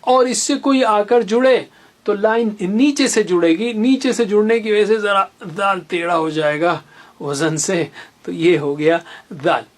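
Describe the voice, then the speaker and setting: A patient teacher leads a beginner's tajweed lesson at an unhurried, deliberate pace. Each letter sound is drawn out and repeated several times. Short memory stories help explain the shapes of the letters. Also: medium pitch, fairly even intonation. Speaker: Quran teacher.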